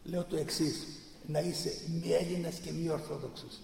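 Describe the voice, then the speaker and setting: A man's voice: fairly high pitch, flat delivery, creaky, a little mellow, recorded from a distance, a little hiss or hum. Fervent man lecturing in an echoey hall. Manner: fervent, emphatic, piles up repeated phrases. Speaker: speaker giving a talk on church tradition. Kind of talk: impassioned public lecture.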